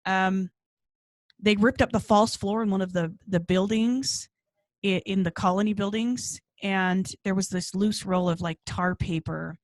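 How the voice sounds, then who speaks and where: Animated woman telling a story. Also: medium pitch, unhurried, dry recording. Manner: storytelling, animated, restarts often. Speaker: podcast co-host. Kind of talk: casual chat.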